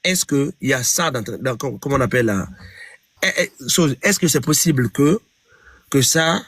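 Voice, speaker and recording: With an animated, medium-pitched, somewhat bright voice at a normal speed, a Guinean singer relates a song dispute to an interviewer. He acts out each conversation, emphatically repeating "j'ai dit", in a dry recording.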